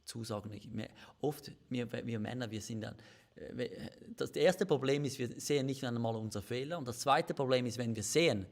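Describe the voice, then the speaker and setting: A man's voice: medium pitch, moderate pace, vocal fry. A man with a Swiss German accent, a pastor co-hosting a live-streamed marriage chat, talking in an earnest, confessional way. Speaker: pastor and co-host of a marriage talk. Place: church office.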